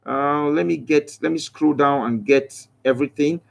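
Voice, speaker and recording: Pushing a crypto scheme on a live motivational stream, this man hammers home repeated phrases and stops to read viewer comments aloud and reply. His voice is fairly high with vocal fry, at a moderate pace.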